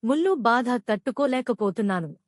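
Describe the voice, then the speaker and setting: A woman's voice: on the high side, animated, brisk, no echo, studio quality. A woman voicing a wounded male tiger in a storybook, pleading and weary.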